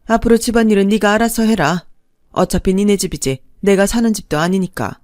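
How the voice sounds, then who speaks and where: A woman's voice: mid-range voice, fairly quick, darkish tone, no echo, clean studio sound, lightly acted. A woman voicing a domineering middle-aged mother-in-law, bossy and reproachful.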